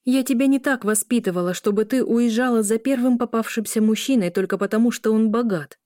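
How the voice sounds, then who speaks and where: A woman voicing a stern middle-aged mother who scolds loudly. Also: a little high, fairly quick, no room sound, clean studio sound, pitched above the performer's own voice, lightly acted. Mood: scolding. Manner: scolding, loud.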